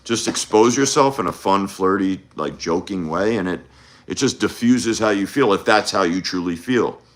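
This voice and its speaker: During a home livestream, a man coaches viewers on dating in a low-pitched voice at a moderate pace. The chat is loose and rambling, packed with fillers and restarts.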